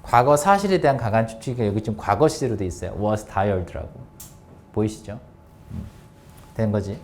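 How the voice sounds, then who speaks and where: A man teaching an English grammar lesson to students, often checking whether they follow and reading example sentences out slowly. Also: lowish voice, expressive, a little hiss or hum.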